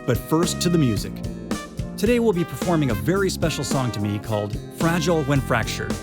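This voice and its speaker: A man's voice: sing-song, fairly quick. A man from Japan hosting a show, giving an upbeat scripted narration as he introduces the show and its players. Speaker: host. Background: loud bass and guitar music.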